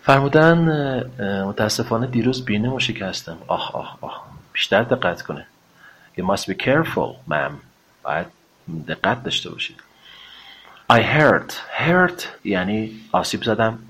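A man teaching English, saying each phrase slowly and carefully before explaining it. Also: fairly low pitch, sing-song, fairly bright tone, breathy edge, rough recording. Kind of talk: language lesson, slow modeled English phrases with Persian explanation.

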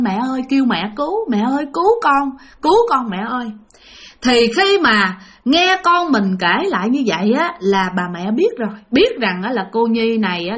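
A woman with a Southern Vietnamese accent narrating a ghost story, talking straight to her listeners in an animated way. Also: fairly high pitch. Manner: animated, addresses listeners directly.

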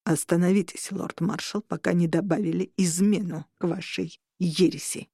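A woman's voice: on the low side, steady tone, normal speed, vocal fry, dark tone, husky, no echo, clean studio sound. A woman voicing a stern male war priest who declares and scolds. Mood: outraged.

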